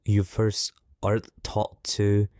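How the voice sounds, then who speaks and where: A man, his voice disguised to sound deep, speaking thoughtfully and in a measured way in an interview. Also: monotone, darkish tone, no room sound, clean studio sound. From Turkey. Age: 20s. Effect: voice disguised, altered deeper. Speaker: interview guest. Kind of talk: reflective personal interview.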